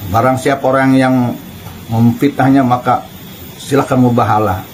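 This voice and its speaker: A man's voice: mid-range voice, steady tone, moderate pace, a little mellow, slight background noise, rough recording. Mocking male online commentator. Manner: mocking, chuckling, asks pointed rhetorical questions. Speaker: YouTube commentator.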